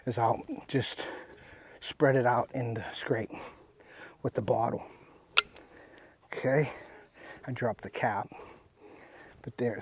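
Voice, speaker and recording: Out in the woods, a man works with his hands while giving a casual, folksy step-by-step hunting how-to. His voice has a darkish tone, and a tractor rumbles nearby in the background.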